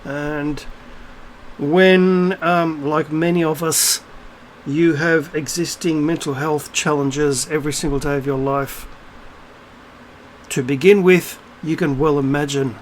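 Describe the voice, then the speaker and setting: A man's voice: a little high, fairly even intonation, slow pace, slight background noise, poor audio. Blunt, profane middle-aged man ranting. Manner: blunt, profane, rambling with many fillers and restarts. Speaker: video blogger. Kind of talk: unscripted ranting monologue.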